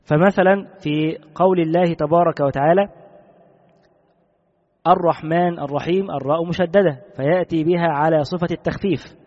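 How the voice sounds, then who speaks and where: Male religious teacher, slightly high voice, measured, repeats rulings, long reverb. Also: fairly even intonation. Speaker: Islamic law teacher. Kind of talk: classical text lesson. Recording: dull recording with long reverb.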